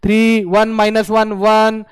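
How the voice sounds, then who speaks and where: A man's voice: high voice, monotone, slow, smooth, no room sound. A young man teaching a physics lesson for exam prep in a playful, slangy way, often acting out his students' replies.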